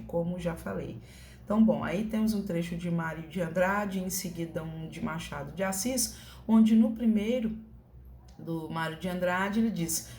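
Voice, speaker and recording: A Brazilian woman teaches a concurso-prep lesson from her home, her voice set slightly low with a soft, dark tone. She keeps it chatty, often pausing to check that the point landed. The room rings noticeably, and faint ambient noise sits underneath. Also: roomy sound. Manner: conversational, many tag questions. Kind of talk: online lecture.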